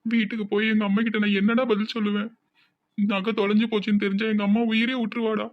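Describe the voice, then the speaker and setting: A man's voice: high voice, flat delivery, quick pace, no room sound, phone-quality sound, close to an everyday voice. A man voicing a distraught young village man with a Tirunelveli accent, talking in an anxious, pleading, tearful way in a cartoon. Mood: despairing. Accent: Tirunelveli Tamil.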